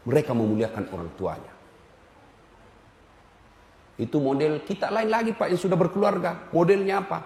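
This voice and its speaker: A man preaching a comic sermon, bantering with the audience and swinging between loud and soft. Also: fairly high pitch. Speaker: Islamic preacher. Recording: echoey hall, faint noise.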